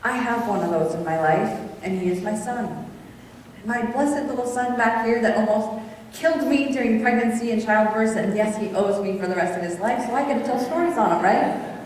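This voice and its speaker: Woman speaker, middle-aged, animated storyteller; distant mic, long hall reverb, faint room noise. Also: on the high side, normal speed. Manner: animated, chatty storytelling with audience questions. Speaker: speaker at a women's event. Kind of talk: conversational sermon with personal stories.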